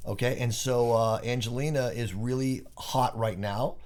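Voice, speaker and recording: A man's voice: medium pitch, steady tone, normal speed, darkish tone. An older man co-hosting a casual chat from bed on vacation, telling rambling, easygoing stories. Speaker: co-host.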